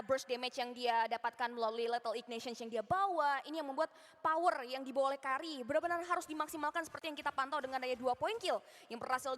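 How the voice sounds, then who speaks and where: Indonesian woman, high-pitched, fast-talking, analytical esports commentary, hall reverb. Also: a bit bright. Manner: analytical, long flowing explanations. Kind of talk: live game analysis commentary.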